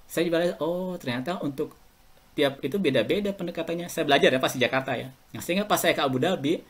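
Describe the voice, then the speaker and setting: Guy in his middle years chatting on a podcast, keeps chuckling thru his stories, kinda high voice. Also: quick pace, husky. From Indonesia. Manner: chatty and anecdotal, chuckles while talking. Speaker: guest alumnus. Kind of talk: casual podcast interview.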